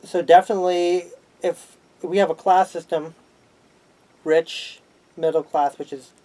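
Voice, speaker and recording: Male guest, sociology student, mellow tone, measured explanations, slightly high. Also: steady tone, rough recording. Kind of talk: casual discussion.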